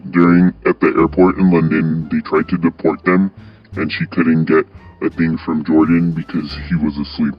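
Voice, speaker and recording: Very deep, flat-voiced man narrating. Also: normal speed. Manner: flat, plain reading with small stumbles. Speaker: countdown video host. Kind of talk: read countdown narration. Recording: dull lo-fi voice with music.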